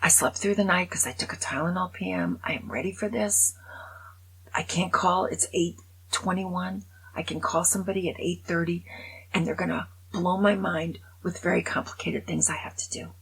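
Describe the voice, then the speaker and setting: A vlogger in her seventies chats casually to camera, rambling and poking fun at herself with self-mocking humor. Her voice is fairly low and slightly rough, at a normal speed, captured in a rough recording.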